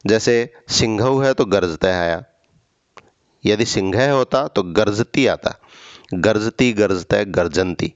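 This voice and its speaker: A man's voice: fairly low pitch, takes it slowly, no echo, highs cut off. A man teaching a school lesson, reading each line and then explaining it patiently, step by step.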